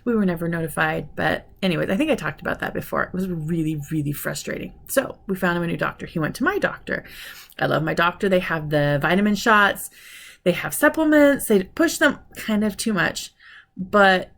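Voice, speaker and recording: Gravelly woman chatting on her vlog. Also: fairly low pitch, a little fast, fairly bright tone, a little hiss or hum. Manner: rambling, frank and chatty. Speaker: vlogger. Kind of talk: casual vlog chat.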